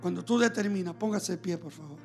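Pastor guy preaching hard, really high voice, gravelly, faint music under it. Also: fast talker, darkish tone. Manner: fervent preaching, calls out to the congregation. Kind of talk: sermon. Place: church service.

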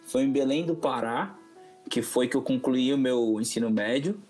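A man from Mato Grosso do Sul talking as a podcast guest, relaxed and rambling, repeating phrases and dropping in slang. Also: medium pitch, normal speed, soft background music. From Mato Grosso do Sul, Brazil. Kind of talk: casual podcast interview.

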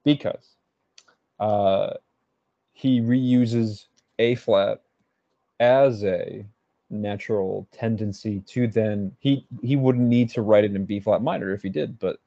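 This man's fairly low, creaky, mellow voice moves slowly as he casually analyzes music on a podcast he co-hosts, thinking out loud, hedging and starting over. There's no room sound, and the high frequencies are cut off.

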